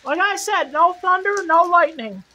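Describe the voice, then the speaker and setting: A woman giving excitable live storm-chasing commentary in short, repeated exclamations. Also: very high voice, a little slow. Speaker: storm chaser livestreaming. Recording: noisy outdoor recording with rain and wind.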